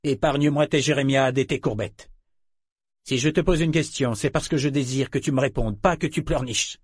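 A man's voice: medium pitch, normal speed, slightly rough, no room sound, studio quality, pitched above the performer's own voice, lightly acted. A man reading a novel aloud voices a curt, commanding ship captain who speaks with impatience. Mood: harsh. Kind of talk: audiobook character voice.

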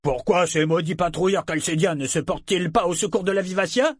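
A man voicing an angry merchant shouting questions at a meeting. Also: high voice, a little fast, no echo, clean studio sound, voice pushed up. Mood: outraged. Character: angry male merchant in a crowd.

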